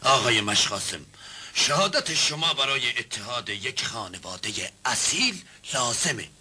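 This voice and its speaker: A raspy, pompous self-made judge. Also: male voice, mid-range voice, very animated, pushed and bright, full character voice. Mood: stern. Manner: pedantic, orders silence, corrects words. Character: stern, pompous nobleman acting as judge.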